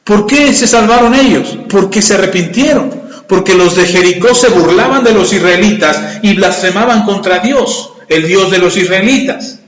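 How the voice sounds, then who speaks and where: A man preaching a sermon, retelling scripture with animated, acted-out dialogue. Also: high-pitched, normal speed. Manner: animated storytelling, acting out voices in quotes. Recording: echoey hall with long reverb.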